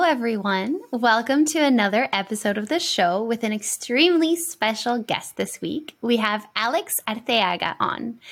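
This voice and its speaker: Bubbly, higher-voiced woman host. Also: a bit bright. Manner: enthusiastic, bubbly. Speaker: podcast host. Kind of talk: casual interview chat.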